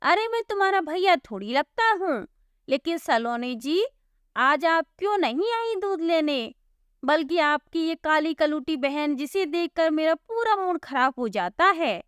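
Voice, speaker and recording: A woman voicing a boastful, rude young village milkman in a storybook cartoon, loud and mocking. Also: high-pitched, animated, unhurried, no room sound, studio quality.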